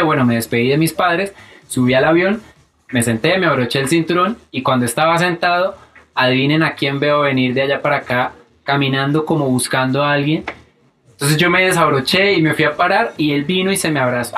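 A man's voice: mid-range voice, a bit bright. A young man casually tells a personal story to the camera and animatedly acts out the people he quotes. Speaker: vlogger telling a personal story. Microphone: webcam or phone camera.

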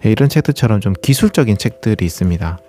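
Man, lowish voice, dark mellow tone, casual polite explainer, solo host talk, addresses listeners directly. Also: expressive, fast talker. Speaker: running channel host.

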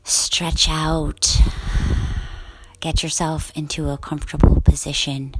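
A woman guiding a sleep meditation in a soft, slow, soothing whisper. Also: low voice, level tone, husky, rough recording. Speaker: guided relaxation host.

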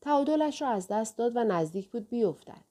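Woman audiobook narrator, warm mellow tone, calm steady delivery. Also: fairly high pitch. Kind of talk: scripted narration.

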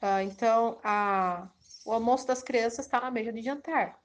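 A woman teaching an English grammar lesson, reading example sentences slowly and then explaining them quickly. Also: a little high. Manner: switches between slow careful English examples and quick explanations.

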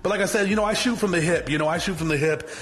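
High-pitched, rapid-fire and fairly bright, this voice belongs to a forties-aged motivational vlogger who owns a business. Talking to his viewers without a script, he's blunt and fiery, rambles, repeats himself, swears often and keeps restarting his sentences.

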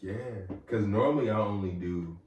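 A man's voice: fairly low pitch, normal speed, a little mellow, slight background noise. A man hosting a podcast in casual chat, loose, slangy and joking with his guest. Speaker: podcast host. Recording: roomy, distant mic, faint ambience.

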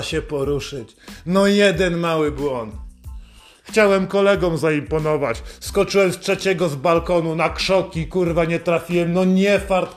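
Sarcastic, foul-mouthed man ranting. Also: on the high side. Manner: mocking, heavily profane, scolding. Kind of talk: sarcastic motivational rant.

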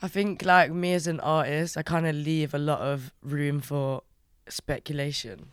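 A young woman chats casually as an interviewed artist, in an English urban roadman accent full of street slang. Her voice is clean and smooth, pitched on the low side for a woman, and recorded dry and close. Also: fairly even intonation, measured pace, no room sound. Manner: slangy roadman-style speech. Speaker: music artist being interviewed.

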